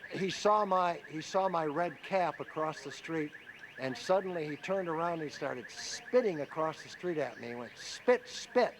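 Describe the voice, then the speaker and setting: A man's voice: on the high side, normal speed, noisy background. A man earnestly recounting an encounter in an interview, telling it vividly. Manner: earnest storytelling, vivid retelling. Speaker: peace activist recounting an experience. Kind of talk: interview recollection.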